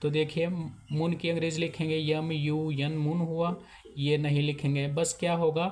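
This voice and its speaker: A man's voice: a little high, level tone, normal speed, a little mellow. A man with a slightly raised voice teaches a lesson on writing names. He explains patiently, one step at a time, and repeats each point as he works through the examples. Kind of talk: explaining spelling at a whiteboard.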